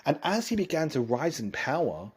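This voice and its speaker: A man, a rabbi, retelling a Torah story in an animated way, often restarting and correcting himself mid-sentence. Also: on the high side, normal speed, slightly rough.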